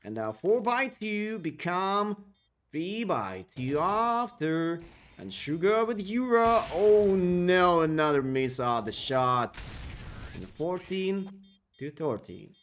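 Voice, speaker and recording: Alone on a live stream, an esports caster gives excited play-by-play and answers chat between plays, in non-native English with slightly broken phrasing. His voice sits high and moves slowly, with a little hiss or hum in the recording.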